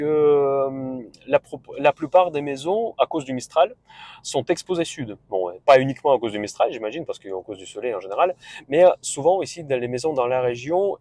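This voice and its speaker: A man's voice: mid-range voice, a little mellow, no room sound. A man from Russia with a Russian accent, a vlogger chatting casually and rambling on a road trip, full of hesitations and restarts. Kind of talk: casual travel vlog talk.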